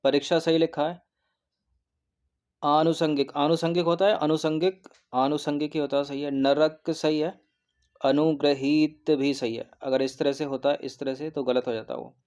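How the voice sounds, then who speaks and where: A man giving a recorded exam-prep lesson who explains each answer and repeats words slowly, often adding a quick "okay". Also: on the high side, flat delivery, a little mellow. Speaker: exam coaching teacher.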